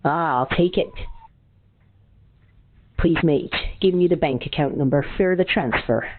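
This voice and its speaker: An older man with a hoarse voice, chatting folksily on a phone call and calling people laddie. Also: on the high side, a little slow. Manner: folksy, calls everyone laddie. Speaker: caller. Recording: tinny phone line, faint noise.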